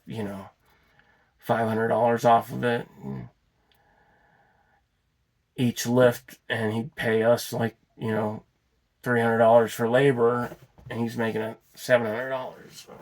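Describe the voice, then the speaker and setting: Average-pitched man, off-the-cuff storyteller, loose and rambling with some cursing. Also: flat delivery, measured pace, pauses often, a little mellow. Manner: rambling, with restarts and swearing. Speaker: vlogger telling his story. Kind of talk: unscripted personal storytelling.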